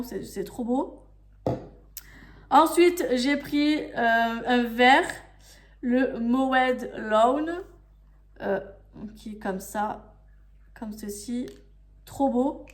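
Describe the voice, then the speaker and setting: A woman chatting through her craft shopping haul, gushing over each item with many fillers. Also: high voice. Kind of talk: casual haul vlog.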